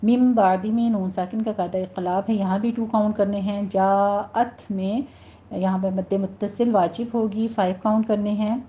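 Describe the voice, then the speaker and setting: A woman's voice: medium pitch, steady tone, lo-fi sound. A woman teaching Quran recitation rules, patiently repeating and correcting how each sound should be said. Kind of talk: tajweed lesson with slow recitation.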